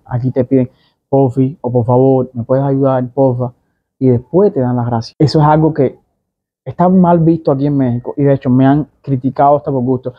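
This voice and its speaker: A man's voice: medium pitch, no echo, dull audio. A young man with a Cuban Spanish accent, talking casually to camera as a vlogger and explaining things with many asides and examples. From Cuba.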